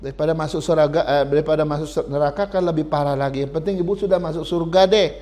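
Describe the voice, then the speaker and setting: Man playing a kind angel, soothing and coaxing, fairly high voice, sermon illustration. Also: fast talker, dark tone, lightly acted. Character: gentle angel walking around heaven, patient and kind.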